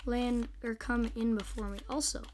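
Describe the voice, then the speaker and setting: A young woman with a hoarse, squeaky voice that breaks into a whispery rasp, giving excitable, chatty, casual commentary on a game. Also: moderate pace, a little hiss or hum. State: hoarse, losing voice. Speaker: gaming video host.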